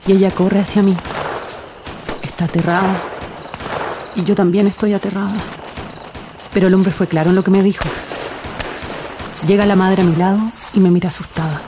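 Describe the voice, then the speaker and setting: An actress voicing a frightened peasant woman who takes in a stranger's baby, narrating in first person for an audio drama in a tense, hurried way. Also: medium pitch, flat delivery, background noise, close to an everyday voice.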